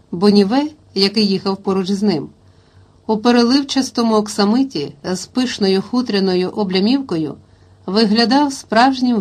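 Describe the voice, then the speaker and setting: A woman reading a historical novel aloud as an audiobook narrator, in steady, even storytelling. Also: medium pitch.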